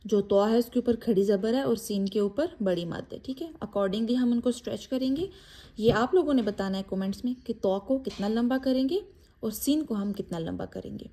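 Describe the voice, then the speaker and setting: Mellow-voiced woman teaching Quran recitation. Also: on the high side. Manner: explains briefly then recites letters slowly with long drawn vowels; mixes English words into explanations. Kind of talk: step-by-step recitation lesson.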